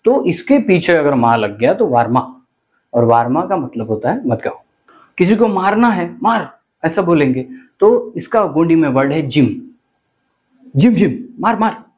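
A man's voice: fairly high pitch, a little mellow. A man, teaching vocabulary to viewers and often repeating words and asking questions. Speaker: language teacher.

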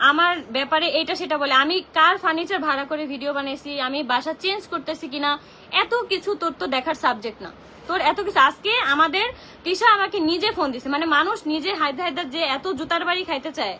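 A woman's voice: high-pitched, bright, forceful tone, a little hiss or hum. A young woman venting on a phone livestream, heated and indignant and full of rhetorical questions. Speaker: social media livestreamer. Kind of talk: livestream rant.

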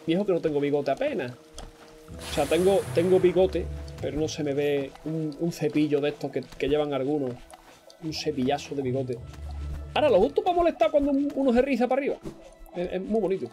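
A chatty young man from Spain with a Spanish accent, voice sitting high but warm and mellow. He talks loosely over a game stream, joking with viewers. Faint game music plays underneath. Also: a little fast. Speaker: gaming streamer. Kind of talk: casual let's-play commentary.

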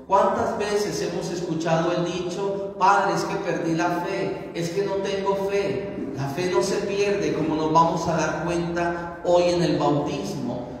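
A man's voice: a little high, a little hiss or hum. A middle-aged man, a priest, preaching a sermon at a baptism mass in a small chapel, speaking into a handheld mic and putting questions to the congregation. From Colombia. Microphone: handheld mic, far camera. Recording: echoey chapel, voice heard from far off.

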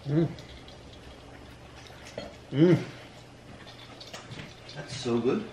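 A man's voice: on the high side, drawn-out words, mellow, recorded from a distance, slight background noise. A man chatting casually and briefly with his partner at home. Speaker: vlogger's partner. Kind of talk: casual chat. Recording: very echoey room with music behind.

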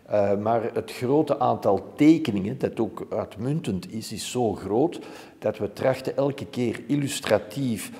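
A Flemish-accented man in his sixties gives informative interview answers as a curator in an indoor museum room hung with framed art. His voice is lowish and warm, with a measured pace. The hollow room has long reverb.

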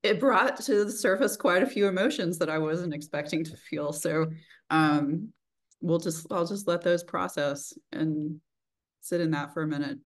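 Speaking at a moderate pace with a fairly low pitch, this middle-aged woman hosts a casual chat over video call. She's from rural Texas, has a mild accent, and keeps things informal and reflective, dropping "like" a lot, recorded at desk distance in a small room.

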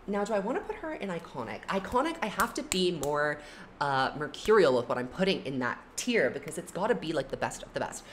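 A woman's voice: low-pitched, fairly quick, slight background noise. A young adult woman talking casually as she ranks songs, chatty and opinionated, with many "like" fillers. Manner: animated, chatty, frequent "like" fillers. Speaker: music commentary YouTuber. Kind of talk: casual opinionated album ranking.

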